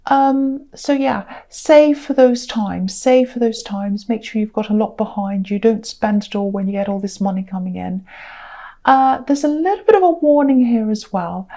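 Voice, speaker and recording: A woman giving a casual tarot reading to camera, unhurried and repetitive with many ums, tired and speaking through a sore throat. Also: a little high, dark tone. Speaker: tarot reader.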